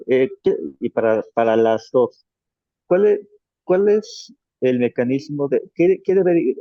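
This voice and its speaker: A man's voice: mid-range voice, no echo. A man moderating a medical webinar, whose voice on a video call keeps breaking up as he restarts his questions. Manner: halting, restarts his sentences. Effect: connection breaking up, choppy audio. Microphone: computer mic on a video call. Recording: dull, dry, choppy video-call audio.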